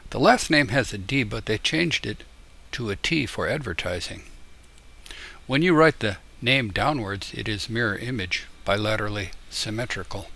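An older man from the United States reading a letter aloud in a deliberate, explanatory way. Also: lowish voice, fairly bright tone. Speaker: tutor and YouTuber.

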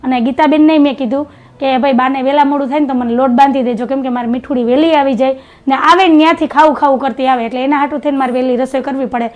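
A woman's voice: sits high, fairly even intonation, fast talker. A middle-aged woman, chatting casually in a home vlog, teasing and giving homespun advice. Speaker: family vlogger.

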